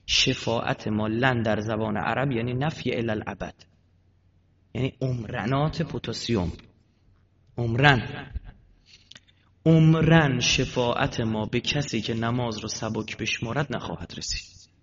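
A man preaching a sermon. He tells stories with animated delivery, swings from loud emphasis to hushed asides, and asks his listeners questions that he answers himself. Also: mid-range voice, long pauses. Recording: dull lo-fi recording with long hall reverb and faint noise.

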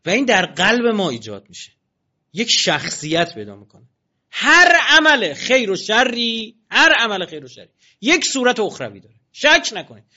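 A man giving a religious sermon in colloquial, animated speech with mocking asides. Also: sits high, slightly rough. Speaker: preacher. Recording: dull lo-fi recording.

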